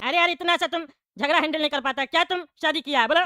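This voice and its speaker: A woman voicing a loud, bossy, bald male small-town politician, scolding and firing off questions in a comic cartoon. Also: high voice, fast, over loud music, natural voice. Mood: mocking.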